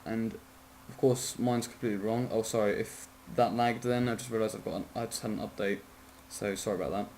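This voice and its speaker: A man's voice: fairly low pitch, fairly even intonation, brisk, few pauses, a little mellow, a little hiss or hum. A man giving a casual, rambling game tutorial, sleepy and yawning, often apologizing, correcting himself and swearing.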